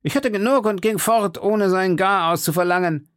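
A man's voice: sits high, moderate pace, fairly bright tone, dry recording, studio quality, voice pushed up. A man voicing a hearty, boastful musketeer in an audiobook reading, with a swaggering manner. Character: boastful, hearty male musketeer, bedridden, jovial.

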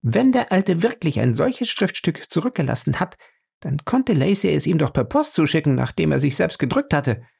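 A man reading a storybook voicing a sharp-witted young woman who argues fast and incredulously. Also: deep voice, creaky, husky, voice pushed up, exaggerated voice. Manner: quick, incredulous, argumentative.

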